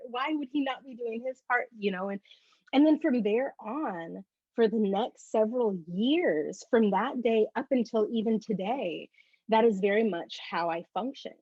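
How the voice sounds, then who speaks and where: A woman guest on a faith interview, sharing a personal testimony in a bubbly, animated storytelling way. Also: a little high, slightly rough, no room sound. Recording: dull, slightly lo-fi recording.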